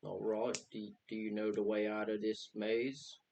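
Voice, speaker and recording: A man's voice: lowish voice, level tone, a little slow, creaky, darkish tone, a little hiss or hum. A man chatting casually as a player in a tabletop role-playing game.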